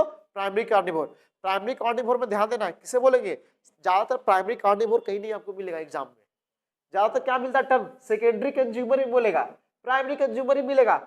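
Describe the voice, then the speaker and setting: Man teaching, quizzing his class. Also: sits high. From India. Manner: asks questions and answers them himself, repeats key points; addresses students as "बच्चा". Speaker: biology teacher. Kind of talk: classroom lecture.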